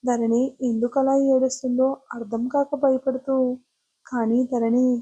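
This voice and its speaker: A woman storyteller giving a gentle, expressive scripted narration of an audio love story. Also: fairly high pitch, a little slow, breathy edge, dull audio.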